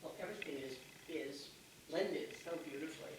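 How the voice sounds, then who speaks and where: A woman's voice: low-pitched, brisk. Gushing woman host in an echoey room. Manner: gushing, complimentary like an estate agent. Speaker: home tour host. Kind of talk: casual walk-through home tour chat. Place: indoors, walking through a house. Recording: roomy, echoey sound with background noise.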